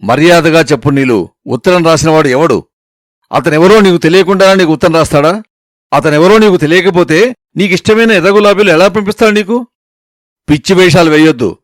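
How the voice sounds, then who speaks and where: A man's voice: on the high side, brisk, no echo, studio quality, lightly acted. A man voicing a stern mother who interrogates her daughter in a storytelling reading. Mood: angry. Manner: stern, accusing.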